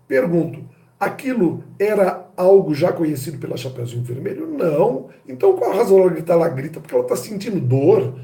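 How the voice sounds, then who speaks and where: A male teacher with a Brazilian Portuguese accent lectures in a lively, theatrical manner and keeps asking his listeners rhetorical questions. His voice sits somewhat high yet sounds mellow and warm. The room around him rings with echo. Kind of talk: classroom-style lecture.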